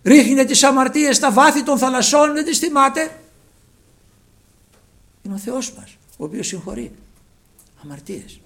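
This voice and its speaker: A man preaching a sermon with fervour, his phrases often sinking to a hushed, low close. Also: expressive, long pauses.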